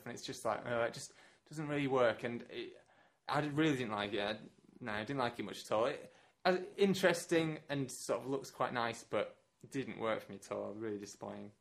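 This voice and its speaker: A man in a casual film chat, hesitant and halting, full of fillers as he gives his views. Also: medium pitch, creaky, a bit bright.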